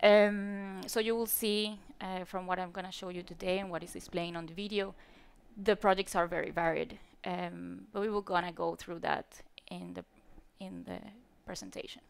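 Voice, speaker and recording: A woman's voice: on the low side, moderate pace, gravelly, smooth. A woman from Venezuela giving a conference talk on lighting design, speaking hesitantly with many fillers and restarts. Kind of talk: conference presentation. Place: stage at a lighting industry event. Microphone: handheld mic.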